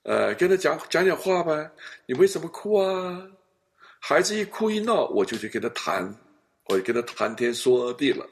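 Male pastor, animated storyteller with a gravelly edge; counseling talk. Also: medium pitch, fairly quick. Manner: animated storyteller, acts out family scenes.

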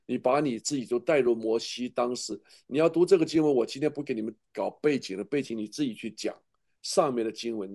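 A man's voice: mid-range voice, warm tone. A middle-aged man, a pastor, preaching a sermon with earnest, emotional testimony and frequent restarts.

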